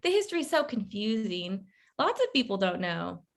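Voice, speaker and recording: A woman's voice: medium pitch, sing-song, moderate pace, vocal fry. A woman voicing an eager, polite young male doctor in a story reading.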